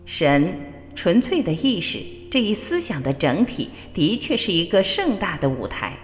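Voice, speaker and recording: A woman radio host giving a measured, expressive spiritual reading with storytelling. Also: lowish voice. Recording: long reverb with faint background music. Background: faint music.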